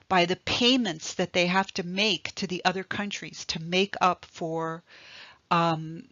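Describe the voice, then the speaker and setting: A woman giving a recorded history lecture, explaining slowly and with emphasis, spelling out terms and stressing key words. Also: on the low side, bright, forceful tone, no room sound. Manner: slow, deliberate, emphatic explaining. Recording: dry, slightly dull lo-fi recording.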